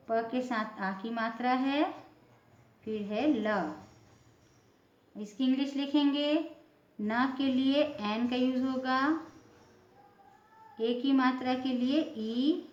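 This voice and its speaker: A woman's voice: a little high, roomy sound, lo-fi sound. A woman teacher giving a patient lesson, spelling words out letter by letter.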